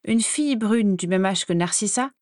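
A woman narrating a novel aloud in a calm, measured and expressive reading. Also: medium pitch, dry recording, studio quality.

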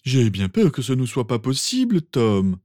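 A man voicing a pompous, sentimental old male wizard professor, with theatrical, drawn-out exclamations. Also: fairly high pitch, big pitch swings, warm tone, no room sound, clean studio sound. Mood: fussing. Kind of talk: fan audiobook reading.

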